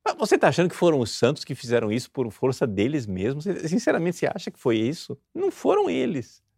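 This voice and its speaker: A man with a Brazilian Portuguese accent preaching fervently, pressing his listeners with rhetorical questions and reading quoted passages slowly and solemnly. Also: medium pitch, big pitch swings, a little mellow, breathy edge, dry recording, clean studio sound. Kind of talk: sermon explaining a spiritual classic.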